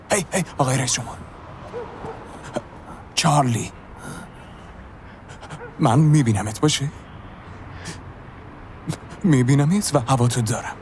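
Steady paramedic: gentle, coaxing, lively pitch, slightly high. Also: male voice, slight background noise. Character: calm male paramedic soothing a patient.

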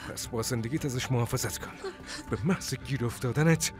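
A man's voice: mid-range voice, lightly acted. A man playing a cold, menacing older man. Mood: threatening. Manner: cold, commanding, threatening. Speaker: dubbing actor. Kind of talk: dubbed drama acting. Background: background music.

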